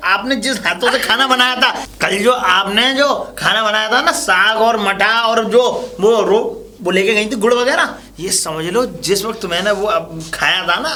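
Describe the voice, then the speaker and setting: A man's voice: high-pitched, moderate pace, hardly any pauses, bright, forceful tone, slight background noise. A man playing a flirty joking neighbor in a village comedy film, giggling often. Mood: flattering. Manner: giggles often, playful double meanings.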